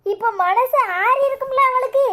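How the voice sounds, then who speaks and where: A woman's voice: moderate pace, sharp tone. A woman voicing a bitter, grieving old mother-in-law in a cartoon, scolding in a Tirunelveli Tamil accent. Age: older. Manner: shrill, scolding, wailing complaints. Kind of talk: cartoon voice acting.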